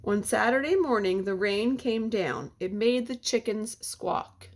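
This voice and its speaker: A woman reading a picture book aloud to young children like a teacher, with a deliberate, expressive delivery that slows for refrains. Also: medium pitch.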